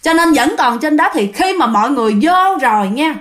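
Woman, Southern Vietnamese accent, ghost story narration, chatty, high voice, animated. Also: a little fast. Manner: chatty, addresses listeners directly.

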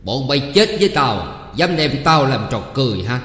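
A man's voice: mid-range voice, lively intonation, quick pace, fairly bright tone, natural voice. A man voicing a pompous, hot-tempered older village official who barks and bullies, in an echoey hall. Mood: furious. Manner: barking, bullying.

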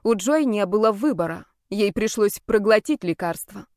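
A woman reading a first-person audiobook with an even, expressive delivery. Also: medium pitch, moderate pace, no room sound, studio quality. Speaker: audiobook narrator.

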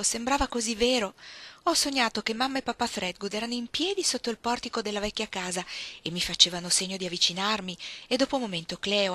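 A woman reading aloud and voicing an elderly, chatty, gentle old woman who talks fondly about food and her dreams. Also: medium pitch, no room sound, natural voice. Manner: chatty, fond storytelling.

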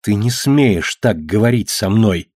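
A man with a husky voice playing a hot-tempered teenage son who shouts his defiance in a read-aloud novel. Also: fairly low pitch, expressive, measured pace, no echo, studio quality. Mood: angry.

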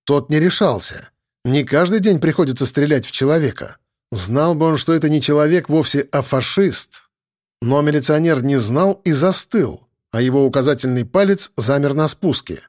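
A man narrating a first-person audiobook in a brisk, wry storytelling manner. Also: a little high, a little mellow, no room sound, studio quality.

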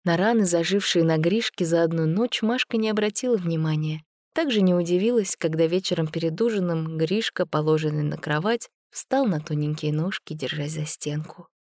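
A woman narrating a story aloud in an even, measured storytelling manner. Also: on the low side, dry recording, clean studio sound. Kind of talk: audiobook narration.

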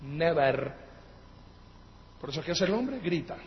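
High-voiced Latin American preacher in an echoey hall. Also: male voice, big pitch swings, a little slow, vocal fry. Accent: Latin American Spanish. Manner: emphatic preaching that swings between loud outbursts and quiet asides; addresses listeners as brothers. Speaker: pastor. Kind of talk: sermon. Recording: echoey hall, dull lo-fi sound, faint noise.

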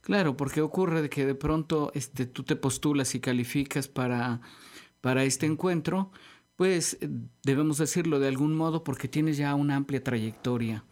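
A Mexican man hosting a relaxed radio chat from a studio, talking in a rambling way with many fillers and restarts. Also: fairly high pitch, normal speed. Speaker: radio host. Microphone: studio microphone.

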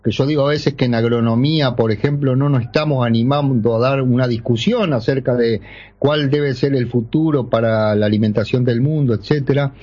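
A man's voice: mid-range voice, brisk, dark tone. A middle-aged man with a Uruguayan Spanish accent, hosting a radio show in casual talk, ironic and full of rhetorical questions. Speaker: radio host. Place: radio studio. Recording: dull AM radio broadcast.

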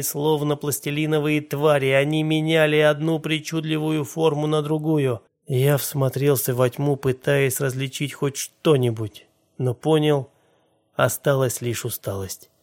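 A man's voice: fairly high pitch, fairly even intonation, measured pace, a little mellow. A man reading a first-person horror story in a tense, grim manner. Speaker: narrator.

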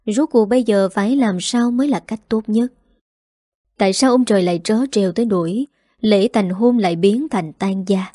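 Woman reading a sad story, emotive and dramatic, dark mellow voice, dry audio. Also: medium pitch, no echo. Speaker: narrator. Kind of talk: scripted story narration.

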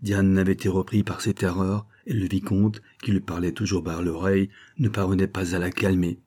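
A man narrates an audiobook in a steady, measured way. His voice sits low and sounds dark and mellow, with a husky edge.

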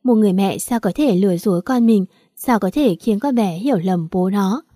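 A woman's voice: medium pitch, moderate pace, warm tone, no room sound, studio quality. A woman reading a first-person story aloud in an earnest, emotional way. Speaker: story narrator.

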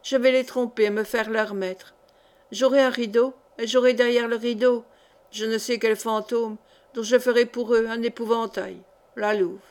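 A woman reads a young peasant clog-maker turned fierce orator, his speech solemn and swelling into loud accusation, pitched a little high. He hammers his charges at a hushed crowd in a storybook reading. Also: steady tone, moderate pace, close to an everyday voice. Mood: accusing.

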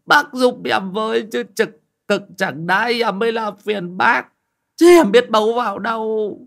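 A man's voice: fairly low pitch, sing-song, unhurried, fairly bright tone, breathy edge, heavily acted. A male narrator voicing a desperate bald old man who begs for a loan, stammering and close to tears. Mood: tearful pleading. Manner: stammering, whining plea. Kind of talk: audiobook character voice.

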